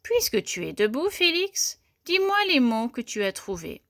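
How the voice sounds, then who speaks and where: A woman's voice: fairly high pitch, sing-song, measured pace, gravelly, a bit bright, dry recording, clean studio sound, exaggerated voice. A woman voicing a strict schoolteacher who gives firm instructions to her class.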